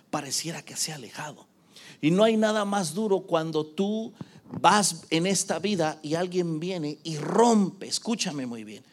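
A man preaching in a high, tenor-range voice. His delivery is theatrical. He drops to hushed near-whispers, then climbs to shouted peaks, and he acts out the voices of the people he quotes. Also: a little hiss or hum. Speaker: pastor. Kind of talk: sermon.

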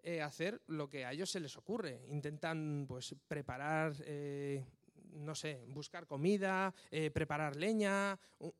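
A man's voice: on the high side, measured pace. A man preaching a casual sermon, reading scripture and often checking in with his listeners.

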